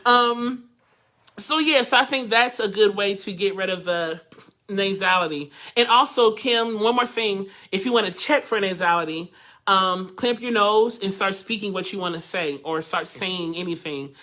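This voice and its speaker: Bright-voiced chatty male voice teacher. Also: sits high. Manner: chatty, interactive, laughs often, greets viewers. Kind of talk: live online vocal workshop.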